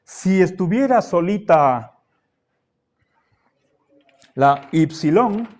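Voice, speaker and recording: A middle-aged man gives a classroom lecture, his voice sitting a little high. He talks very slowly and patiently. He keeps pausing to check that the students are following. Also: lively intonation, a little mellow. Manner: slow, patient, checks in with frequent "¿sí?" and "¿ya?". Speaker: philosophy teacher.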